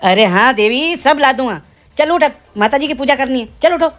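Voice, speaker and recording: A woman's voice: high-pitched, expressive, fairly quick. A woman playing a weary father who hurriedly placates his wife, in a comedy sketch with music underneath.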